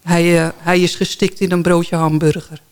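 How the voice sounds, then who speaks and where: A woman's voice: on the low side, normal speed, clean tone. Chatty woman telling radio anecdotes. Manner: lively anecdotes, frequent restarts and laughter. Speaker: radio guest. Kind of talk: casual storytelling chat. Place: radio studio.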